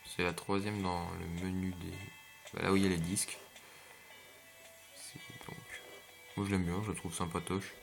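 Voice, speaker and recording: A man's voice: low voice, flat delivery, normal speed, creaky, long pauses, faint music behind. A man giving casual, rambling gameplay commentary with hesitations and jokey asides, recorded on a home computer mic. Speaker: gameplay video maker.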